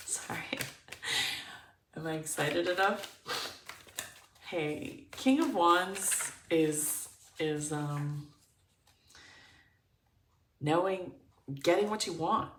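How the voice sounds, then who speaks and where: A woman's voice: fairly low pitch, extremely slow, long pauses, far from the mic, slight background noise. A woman giving a pick-a-card tarot reading to her viewers. She thinks aloud as she talks, searching for her words in an upbeat way. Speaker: tarot reader. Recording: roomy, voice away from the mic.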